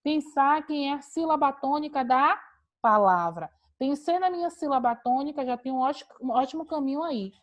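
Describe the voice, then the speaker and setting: A woman teacher leads an online class over a video call. Her voice sits a little high, and she explains patiently, step by step, asking rhetorical questions and answering them herself. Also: lively intonation, moderate pace.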